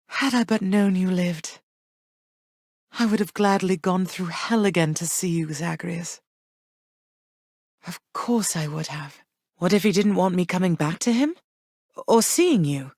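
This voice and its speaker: A woman voicing Persephone, a regal goddess queen of the underworld and mother, in game voice lines, speaking in a measured, earnest, formal way. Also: medium pitch, no echo, clean studio sound, natural voice. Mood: wistful. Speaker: voice actor.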